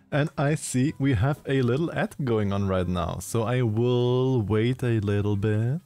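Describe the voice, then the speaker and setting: A man casually commentating a game live, giggly and halting with frequent ums. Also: medium pitch, mellow. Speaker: streamer.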